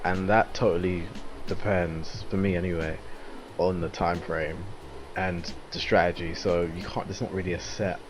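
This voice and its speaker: A man in his twenties co-hosting a podcast and reading out listener questions, soft-spoken and trailing off with hedges. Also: deep voice, steady tone, normal speed, background noise. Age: 20s. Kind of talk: casual group chat.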